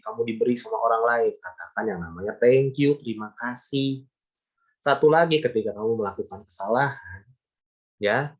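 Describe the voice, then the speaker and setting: A male teacher giving a casual classroom lesson, talking chattily and repeating points with emphasis. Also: mid-range voice. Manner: chatty, repetitive, emphatic, gives everyday examples.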